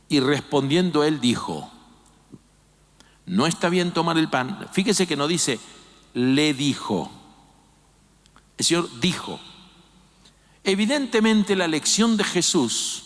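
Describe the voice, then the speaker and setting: Animated older pastor preaching in reverberant church. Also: male voice, fairly high pitch. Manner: animated preaching, acts out quoted voices. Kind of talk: sermon. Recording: long hall reverb.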